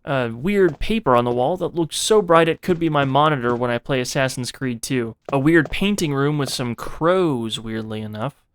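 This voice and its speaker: A man narrates a video game playthrough as a scripted, dramatized performance, repeatedly interrupting himself with theatrical, profane, joking asides aimed at the viewer. His mid-range voice moves at normal speed with a clean tone.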